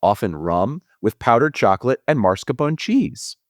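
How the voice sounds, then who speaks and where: A man's voice: mid-range voice, sing-song, no echo, clean studio sound. Male trivia host, jokey and chatty, lots of swing in his delivery. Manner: playful, chatty, quick asides. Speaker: quiz host. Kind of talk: hosting a comedy trivia podcast.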